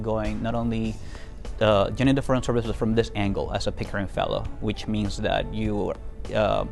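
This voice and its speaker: Earnest man with a gravelly voice. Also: fairly low pitch. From Venezuela. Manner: earnest, many fillers and restarts. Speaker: interviewee, diplomat. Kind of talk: casual interview talk.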